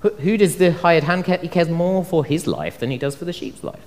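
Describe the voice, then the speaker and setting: A man's voice: fairly high pitch, lively intonation, brisk, darkish tone. A man preaching a sermon, telling the story with energy and acting out the voices he quotes. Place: church hall. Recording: long reverb of a church hall.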